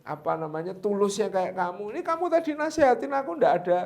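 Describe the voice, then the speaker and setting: Lively storyteller man. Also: sits high, fast, vocal fry. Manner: lively, animated, laughs at his own story. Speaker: religious storyteller. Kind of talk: casual storytelling chat.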